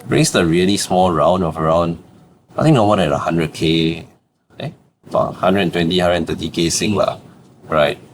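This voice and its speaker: Speaking at a moderate pace in a low-pitched voice, with a little hiss or hum in the background, this young adult man is a Singaporean startup founder on a podcast. He tells stories casually in Singaporean English, laughs often, and drops "lah" at the end of phrases.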